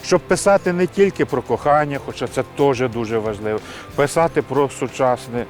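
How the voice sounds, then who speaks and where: An older man, a poet, giving reflective, unhurried answers in an interview outdoors. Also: mid-range voice, faint music behind.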